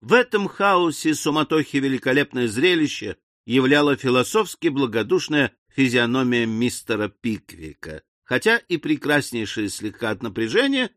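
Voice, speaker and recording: A man narrating a classic comic novel as an audiobook, with a measured, expressive reading. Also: mid-range voice, no echo, studio quality.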